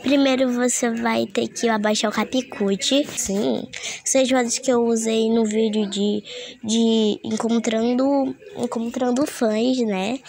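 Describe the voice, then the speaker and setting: A woman's voice: fairly high pitch, fairly even intonation, takes it slowly, creaky, a little mellow. A woman giving a casual, chatty app tutorial, full of fillers and little detours. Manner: chatty, meandering, lots of fillers. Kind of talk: casual screen-recorded tutorial.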